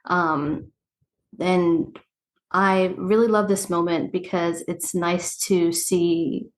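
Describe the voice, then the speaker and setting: A woman's voice: lowish voice, steady tone, takes it slowly. A woman hosting a podcast, recapping a show in casual chat and often tagging her sentences with "right?" and "you know". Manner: conversational, many fillers like "right?" and "you know". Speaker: podcast host.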